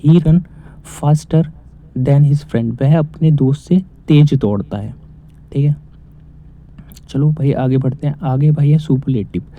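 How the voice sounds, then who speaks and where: A man teaching grammar, asking questions and then answering them himself. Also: a little high. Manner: explains step by step, asks and answers own questions. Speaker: English teacher. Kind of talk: casual spoken lesson. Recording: tinny phone-like audio.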